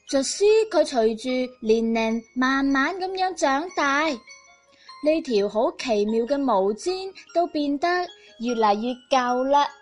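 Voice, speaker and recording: A woman with a Cantonese accent reads a children's storybook in an expressive way, speaking to small children. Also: high voice. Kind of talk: scripted storybook narration for young children.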